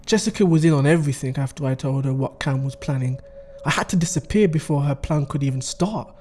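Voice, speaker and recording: A scheming middle-aged father, voiced by a man, explains his wife's crimes in a dramatic audio story, his mood grave and confiding and his manner conversational. The voice is higher-pitched, a little mellow, and fairly quick, and it sounds natural.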